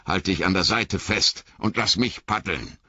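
A man voicing Frodo, a weary but resolute young male hobbit, gentle and firm in an audiobook reading. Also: deep voice, a little slow, no room sound, dull audio, voice pushed up, exaggerated voice. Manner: gentle, firm, fatherly toward companion.

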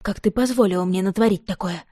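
A woman narrating a novel in a calm, measured reading. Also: mid-range voice, slightly rough, dry recording, clean studio sound. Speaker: audiobook narrator. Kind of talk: scripted narration.

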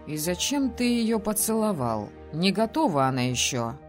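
A woman reading an audiobook and voicing an ancient, calm male keeper who speaks in a measured, patronizing way. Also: on the low side, soft background music.

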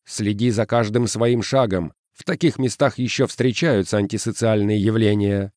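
A man voicing a calm cautioning official. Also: on the low side, normal speed, no echo, studio quality, close to an everyday voice.

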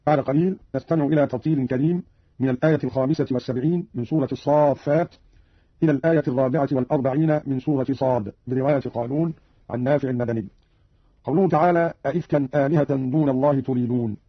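A man's voice: medium pitch, steady tone, very fast, no echo. A man presenting a formal radio program, explaining readings of verses and reciting each as an example. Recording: dull old radio broadcast.

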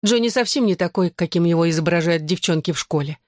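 A woman's voice: fairly low pitch, fast, darkish tone, no echo, studio quality, lightly acted. A woman voicing a playful, teasing teenage girl who coaxes her best friend in an audiobook. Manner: teasing, coaxing.

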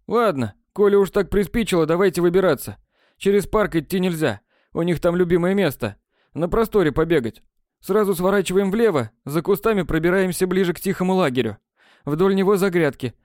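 A man reading an audiobook, voicing a sardonic, know-it-all teenage schoolboy mage who explains things briskly. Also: high voice, lively intonation, darkish tone, no room sound, studio quality, pitched above the performer's own voice. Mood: explaining.

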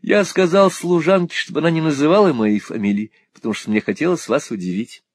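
A man's voice: on the high side, a little fast, no echo, clean studio sound, pitched above the performer's own voice, close to an everyday voice. A man reading an audiobook, voicing an earnest, gallant, worn-down young man who speaks politely and sincerely. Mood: playful. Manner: polite, sincere, gently playful. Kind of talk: audiobook character voice.

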